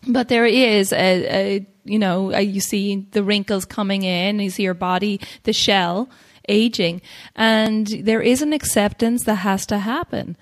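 A woman's voice: mid-range voice, measured pace. A woman in her forties hosting a podcast, agreeable and reflective as she chats with her guest. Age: 40s. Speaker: podcast host. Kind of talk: casual conversation.

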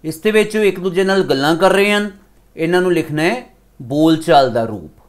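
A male school teacher with a Punjabi accent, slowly explaining a grammar lesson step by step, switching between two languages. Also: a little high.

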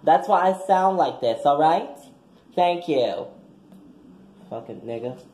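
A man's voice: a little high, animated, slow pace, dark tone. A man voicing a brash, foul-mouthed young woman graduate giving a crude, combative speech in a comic skit. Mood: sassy. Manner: crude, combative, trash-talking. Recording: echoey room.

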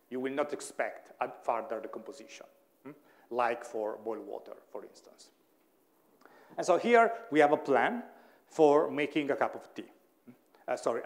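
Man lecturing, checking in with "hmm?". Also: mid-range voice. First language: Italian. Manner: thinking aloud, frequent "hmm?" checks with listeners, self-corrections. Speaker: university lecturer. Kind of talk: classroom lecture.

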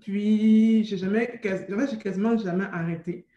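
A woman in her thirties from Cameroon, raised in France, speaking as an entrepreneur guest in a video call interview, quick and full of restarts. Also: mid-range voice, fairly even intonation, dull audio. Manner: quick, with many restarts and fillers. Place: room with a brick arch at home. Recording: roomy video call audio.

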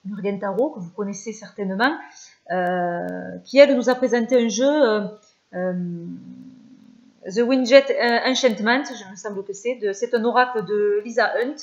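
A woman's voice: mid-range voice, normal speed. Hesitant chatty woman, slightly muffled. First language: French. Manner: hesitant, many fillers, warm and chatty. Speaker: vlogger. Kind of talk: casual chat about favorite channels.

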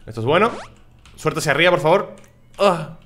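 A young man from Spain with a Spanish accent, commentating a game casually, excitable and swearing freely. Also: on the high side, a little fast. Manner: excitable, swears freely, talks to his viewers. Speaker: gaming video host.

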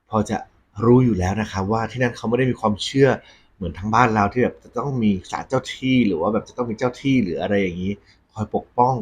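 A man hosting a ghost story segment, talking conversationally and politely to his audience with a husky voice. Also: lowish voice. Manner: polite, frequent Thai male polite particles.

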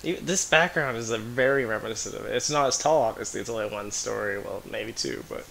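A man's voice: lowish voice, quick pace, gravelly, fairly bright tone, slight background noise. A man giving casual, rambling commentary on a music video, out of breath and full of "like" and "um".

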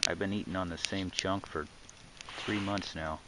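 Man, middle-aged, low voice, plain and practical, outdoors in snowy forest, camera mic. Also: steady tone, normal speed. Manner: plain, matter-of-fact, explains as he works. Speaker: winter camper filming his trip. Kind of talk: casual outdoor narration. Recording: loud outdoor background noise.

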